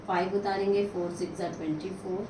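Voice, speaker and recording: A woman teaching a maths lesson step by step, counting sums out loud and answering her own questions. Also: medium pitch, fast, recorded from a distance. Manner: counts out sums aloud, mixing in English. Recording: echoey room, voice from off the mic, steady noise.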